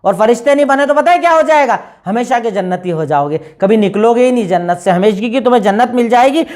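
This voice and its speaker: A woman giving a religious lecture, emphatic, asking rhetorical questions and answering them, reciting Arabic verses slowly. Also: on the high side, expressive, darkish tone. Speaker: Islamic preacher.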